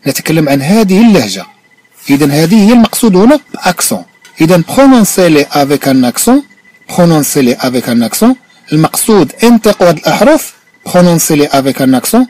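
A Moroccan-accented man leads a language lesson: slow reading of each phrase, an explanation, then a check that the listener got it. His voice is on the high side, sing-song and a little mellow.

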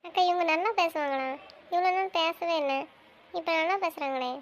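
A young woman acting a naive, earnest girl who pleads softly about a crush in an amateur drama. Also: very high-pitched, fairly quick, slight background noise. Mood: pleading.

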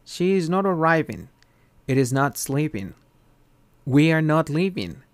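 A man giving a recorded English grammar lesson, explaining in Spanish and reading English examples slowly and carefully. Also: a little high, very animated, no room sound. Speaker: English teacher.

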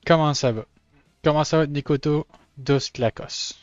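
Stammering Québécois man, smooth voice. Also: fairly high pitch, unhurried, dry recording, lo-fi sound, soft background music. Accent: Québécois French. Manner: stammers and restarts, mixes in English words. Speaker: streamer. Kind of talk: casual live-stream chat while drawing.

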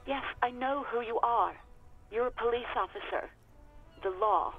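An anxious young woman in a video game, high-voiced and hesitant. She sounds resigned and put-upon, squeezed through a tinny, narrow radio line with faint music behind. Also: measured pace, slightly rough. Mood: uneasy. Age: young adult. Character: anxious, exasperated young woman, reluctant local worker. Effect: radio receiver filter.

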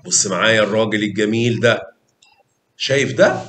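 This lively classroom explanation of math comes from a man with an Egyptian Arabic accent who coaxes students by questioning and repeating. He speaks a little fast, with a voice on the low side and a fairly bright tone. The room is echoey.

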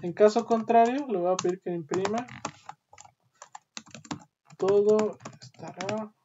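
Keyboard typing and clear background noise run through the dull, lo-fi audio as a woman teaches programming on a screen recording. Her medium-pitched voice is brisk and dark, and she explains each step, often checking in with "¿sí?".

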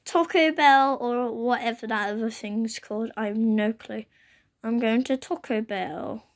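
Narrating a game in a croaky, slightly high voice, a young woman who runs a gaming channel talks unhurriedly, chattily and with frequent exclamations. She records at home on a phone aimed at her laptop screen, with rain outside.

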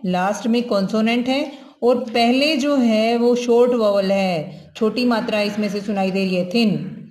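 Slow, patient woman teacher in echoey room. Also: on the high side, a little mellow. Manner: slow, explaining, stretches example words and checks understanding. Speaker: English grammar teacher. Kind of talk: classroom lesson in Hindi-English mix.

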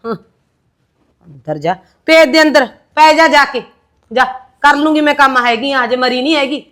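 A woman's voice: high voice, lively intonation, moderate pace, fairly bright tone. A middle-aged woman playing a resentful mother-in-law in a short film drama, scolding and sarcastic.

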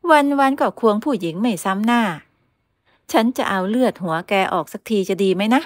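Casting: woman doing a domineering middle-aged society mother, loud and scolding, dry close sound. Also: fairly high pitch, animated, normal speed, no room sound, lightly acted.

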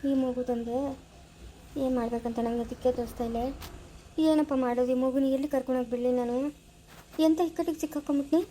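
A woman's voice: high voice, fairly even intonation, quick pace, long pauses, background noise, natural voice. A woman playing a torn young village husband who soothes and reassures, with a Chikkaballapur Kannada accent. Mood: soothing.

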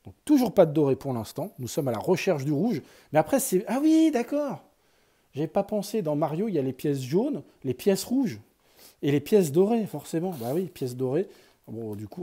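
Husky, mellow-voiced man chatting casually. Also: fairly high pitch. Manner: chatty, thinks aloud, lots of fillers and sighs. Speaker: YouTuber opening sticker packs. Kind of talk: casual running commentary.

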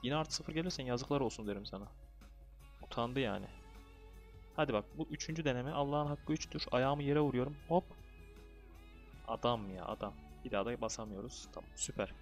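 A young man chatting casually through his online game session, fussing over luck and getting excitable when things go his way. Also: mid-range voice, brisk, long pauses, faint music behind. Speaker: gaming video creator. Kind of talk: casual gameplay commentary.

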